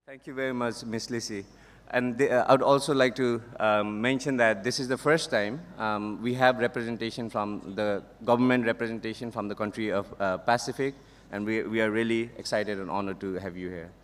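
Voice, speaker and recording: A man's voice: fairly low pitch, steady tone, fairly quick. A man moderating in formal podium speech, courteous but hesitant, repeating himself as he introduces speakers. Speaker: session moderator. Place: large conference hall. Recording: reverberant large hall.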